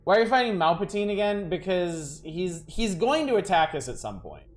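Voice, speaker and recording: Man with lively pitch, casual game commentary. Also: normal speed. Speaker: video game streamer. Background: faint game music.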